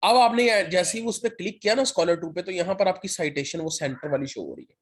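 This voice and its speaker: A man gives a step-by-step software tutorial as a lecturer. He keeps checking in with his students as he goes. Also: sits high, animated, quick pace, slightly rough. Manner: step-by-step, repeats "ठीक है" to check in. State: sore throat, occasional cough. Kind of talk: screen-share software tutorial.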